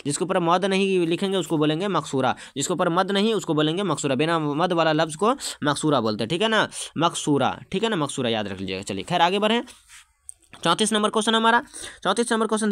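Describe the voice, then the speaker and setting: A man teaches an exam-prep lesson in a high voice, repeating each term and asking the class questions. The recording is dry and close, with no room sound. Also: a bit bright, no echo.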